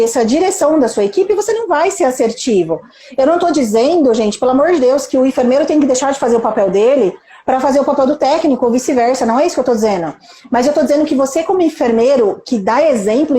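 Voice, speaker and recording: A woman's voice: high-pitched, warm tone, reverberant. A Brazilian Portuguese-accented woman, a nurse manager and mentor, giving an emphatic motivational talk on a live stream, full of rhetorical questions and acted-out quotes.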